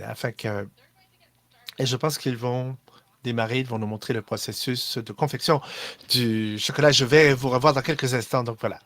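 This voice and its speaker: A man's voice: medium pitch, fairly bright tone, dry recording. A man hosting a live online class, upbeat and welcoming, with hesitant restarts. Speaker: host.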